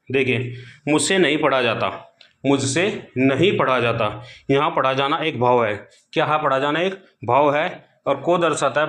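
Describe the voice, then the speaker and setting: A man giving a grammar lesson for exam students. He asks questions aloud, answers them himself, and slowly repeats each key point. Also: medium pitch, a bit bright. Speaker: Hindi grammar teacher.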